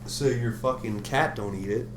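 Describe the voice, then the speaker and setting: A man's voice: mid-range voice, normal speed, noisy background. A man hosting a livestream, reading scripture aloud and breaking off into mocking, profane comedic asides. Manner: profane, mocking asides between read passages. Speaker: livestream host.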